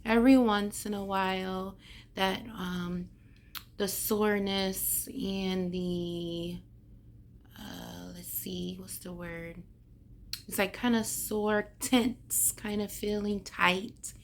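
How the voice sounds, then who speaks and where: A woman with a hoarse voice chats casually to camera, giving a personal update and often trailing off as she searches for words. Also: medium pitch, steady tone, slow, a little hiss or hum. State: hoarse after neck surgery. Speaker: vlogger giving a health update.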